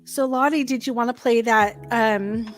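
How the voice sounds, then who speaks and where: A woman's voice: on the high side, steady tone, moderate pace, soft background music. A woman co-hosting a casual podcast, playful and giggly as she chats and reads aloud. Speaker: podcast co-host. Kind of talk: casual chat.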